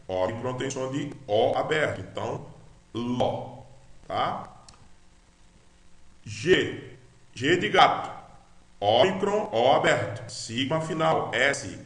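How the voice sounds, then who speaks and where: A man's voice: mid-range voice, a bit bright, reverberant. A man with a Brazilian Portuguese accent teaches a Greek lesson, spelling out each letter and sound and having the listener repeat after him. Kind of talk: slow recorded language lesson.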